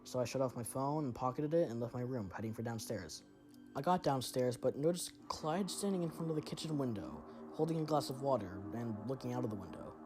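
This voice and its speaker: A man's voice: medium pitch, animated, brisk, darkish tone, faint music behind. A man narrating a first-person horror story in a tense, dramatic way.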